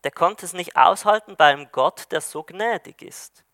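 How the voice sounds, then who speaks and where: A male preacher giving a sermon with a high, bright voice. He retells a story in a searching way, with frequent hesitations and restarts. The sound is dry and close. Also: moderate pace, dry recording.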